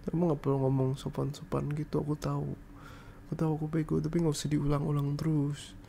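A man's voice: on the high side, little pitch movement, fast, vocal fry, warm tone, slight background noise. A young man in an ASMR boyfriend role-play, pleading and apologizing in a coaxing way and slipping English phrases into his speech.

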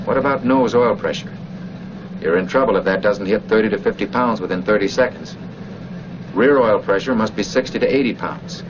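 Here a male actor voices a stern flight instructor as an off-screen narrator in a 1940s military training film, chiding and directing a trainee at a fairly quick clip. The delivery is lightly acted in a fairly low voice, and the old, muffled soundtrack carries clear background noise.

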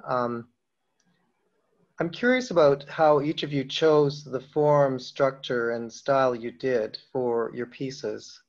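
Guy moderating an author panel, lots of ums, dull lo-fi audio. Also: medium pitch. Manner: halting, frequent ums and restarts.

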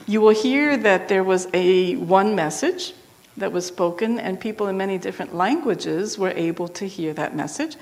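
A woman's voice: medium pitch, big-room sound, low-quality recording. Woman pastor leading prayers. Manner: gentle, unhurried, informal asides. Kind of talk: leading prayers in a church service. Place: church sanctuary.

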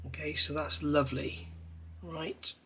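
His fairly high, creaky voice moves at a measured pace over slight background noise. The middle-aged man is building a scale model at an indoor hobby workbench under an overhead camera, offering a relaxed, rambling tutorial with chatty asides as he works.

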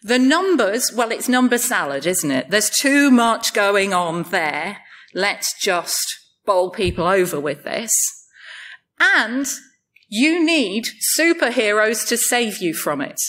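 A woman's voice: mid-range voice, animated, slow pace, fairly bright tone. A woman giving a conference talk in a wry, light-hearted way, joking at her own expense. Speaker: conference speaker.

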